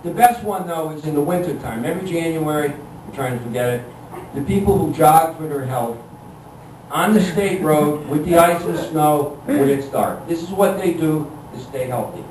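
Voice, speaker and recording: A man's voice: a little high, a little mellow. Echoey, distant middle-aged man telling comic stories. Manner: conversational, halting, exasperated self-deprecation. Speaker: stand-up comedian. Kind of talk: live comic storytelling to an audience. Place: live room with an audience. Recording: echoey room, distant mic, clear background noise.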